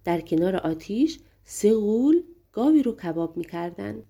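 A woman narrating a fairy tale audiobook in a lively, colloquial storytelling manner. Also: mid-range voice, vocal fry, husky.

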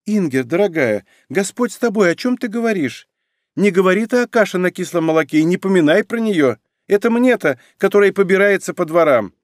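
A sly, vengeful old peasant woman pipes up high and shrill, as a man puts her on. Her sweetness sours into spite. The studio sound is dry and close. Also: lively intonation, fairly quick, dry recording. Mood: wheedling.

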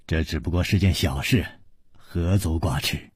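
A man voicing a calm, modest male hero with a dry, easy humor. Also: low-pitched, moderate pace, slightly rough, dry recording, pitched below the performer's own voice. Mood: wry.

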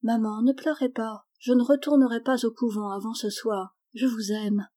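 A petulant little girl from an old storybook, sulky and whining, as a woman reader puts her on. Her voice rises high and pleading, with a mellow, soft tone. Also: moderate pace, natural voice. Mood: gentle. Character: spoiled sulky young girl Gisèle.

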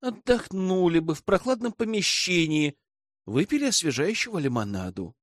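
Man playing impatient young brunette, snappy, kinda lively up and down. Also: high voice, moderate pace, no room sound, studio quality, voice pushed up. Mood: pleading. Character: hot-tempered impatient young brunette woman.

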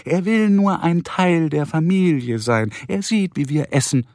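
A man's voice: fairly high pitch, lively intonation, measured pace, darkish tone, no room sound, studio quality, voice pushed up. A male reader voicing a doting adult woman who coos and pleads over her little dog in an audiobook. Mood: cooing. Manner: pleading, cooing and indignant. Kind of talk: audiobook reading.

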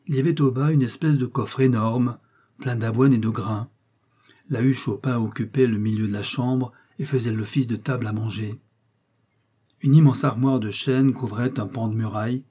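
Husky, dark-voiced male storyteller. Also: medium pitch. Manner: measured, descriptive reading. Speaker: audiobook reader. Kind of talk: scripted narration of a 19th-century short story.

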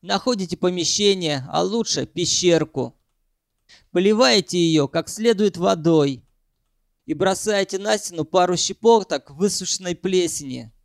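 A cocky gang leader and failed chemistry student lays things out at his own slow, easy pace, as a man puts him on. The voice sits fairly high and dry, close to the mic, for an audiobook. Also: vocal fry, dry recording. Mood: sly, explaining.

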